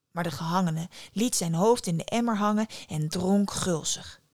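A woman narrating a folk tale in a hushed, dramatic storytelling manner. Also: medium pitch, no room sound, clean studio sound.

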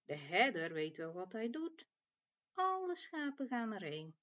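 A woman voicing a patient, caring mother sheep in a storybook tale, speaking calmly and reassuringly. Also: on the high side, unhurried, highs cut off, pitched above the performer's own voice. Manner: calm and reassuring.

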